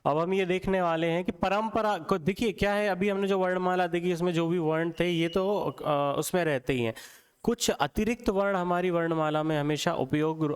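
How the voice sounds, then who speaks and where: A man teaching Hindi for exams, explaining step by step and repeating words slowly to show how they sound. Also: fairly high pitch, clear, resonant tone. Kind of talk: classroom lecture for exam prep.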